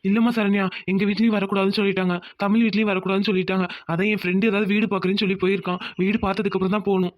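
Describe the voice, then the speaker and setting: A performer voicing a confused, gentle young village husband who has lost his memory, in a cartoon. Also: mid-range voice, flat delivery, very fast, hardly any pauses, close to an everyday voice. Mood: bewildered. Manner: gentle, bewildered. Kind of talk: cartoon voice acting. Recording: dull lo-fi audio.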